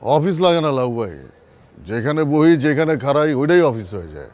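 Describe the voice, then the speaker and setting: An actor playing a calm, blunt local strongman, speaking curtly. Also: a little high, brisk. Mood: cool. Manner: calm, curt. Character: blunt male local strongman, self-assured.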